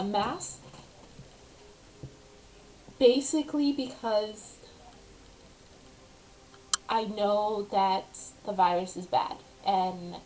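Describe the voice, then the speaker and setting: Young woman w/ a speech impediment, slow personal vlog chat, lots of ums. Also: medium pitch, a little mellow, slight background noise, poor audio. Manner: slow, halting, with many ums. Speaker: vlogger. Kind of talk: casual personal update.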